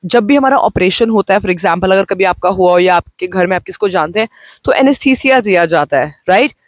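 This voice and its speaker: A woman life coach gives a gentle, slow self-help talk, mixing Hindi and English. She is unwell and says her voice sounds off. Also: mid-range voice, expressive, no room sound. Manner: mixes Hindi and English, speaks slowly and gently. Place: outdoors on location.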